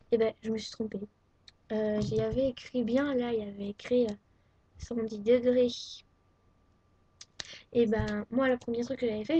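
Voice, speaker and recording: Teen girl craft vlogger from France, chatty and halting, soft lo-fi webcam recording. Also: on the high side, slight background noise. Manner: chatty and hesitant, many fillers. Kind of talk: casual show-and-tell. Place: at home, indoors. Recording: dull lo-fi webcam audio. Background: faint vacuum cleaner.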